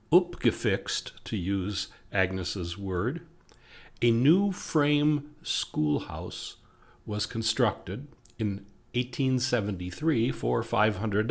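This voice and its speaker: A man's voice: mid-range voice, vocal fry. A man with an American accent reading scripted local history narration.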